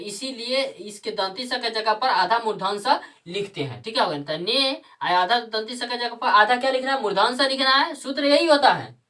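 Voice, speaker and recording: A woman's voice: on the high side, sharp tone, distant mic. A woman teaching Sanskrit grammar, who asks the class questions, answers them herself and repeats the key terms. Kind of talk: classroom lesson with call-and-response questions.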